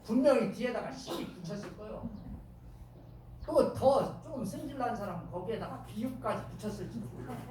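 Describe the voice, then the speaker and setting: A male pastor with a Chungcheong accent preaching a sermon in a church, acting out shouted lines and questioning the congregation. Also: extremely high pitch, normal speed, a little hiss or hum. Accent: Chungcheong Korean. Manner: dramatic, acts out shouted quotes, asks the congregation questions. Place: church sanctuary. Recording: very echoey church from a distant mic.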